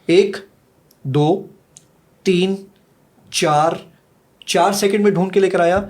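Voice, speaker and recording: High-pitched guy showing off his app on a podcast, eager salesy pitch, drops in english bits. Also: a little mellow. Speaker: app creator giving a demo. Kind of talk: podcast guest demonstrating an app.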